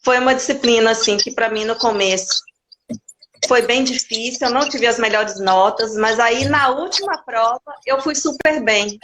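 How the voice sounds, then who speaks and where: A woman in her forties, raised in Minas Gerais, answers interview questions in a candid, chatty way, often restarting mid-sentence. Her voice sits a little high. The recording has clear background hiss, as on an online call. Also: moderate pace. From Minas Gerais, Brazil. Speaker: guest. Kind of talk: casual interview chat.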